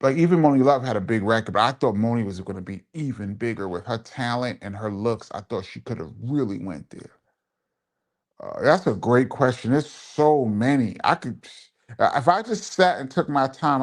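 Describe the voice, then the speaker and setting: Speaking at a normal speed in an expressive, mid-range voice, the DJ host of a live stream casually reads viewer comments and shares memories. He repeats phrases for emphasis and gives shout-outs.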